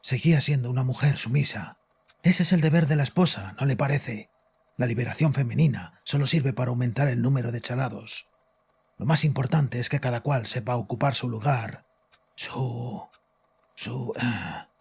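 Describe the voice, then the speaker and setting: Though his character is a distraught, domineering father in an audio drama, the actor's medium-pitched, gravelly, husky voice carries a smug, stubborn mood. He confesses in a halting, anguished manner.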